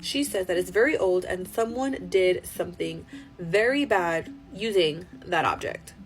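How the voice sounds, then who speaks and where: A woman host telling spooky stories in a casual, animated, conversational way, drawing out words for suspense. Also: on the low side, a little slow, rough recording. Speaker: host reading follower-submitted spooky stories. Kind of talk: casual spooky storytelling to camera. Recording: music behind the voice. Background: music.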